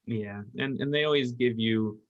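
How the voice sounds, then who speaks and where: A man's voice: medium pitch, normal speed, dull audio. A man in his early twenties talking casually as a podcast host, rambling and correcting himself as he goes. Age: 20s. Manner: rambling, self-correcting, laughs easily. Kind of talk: casual chat.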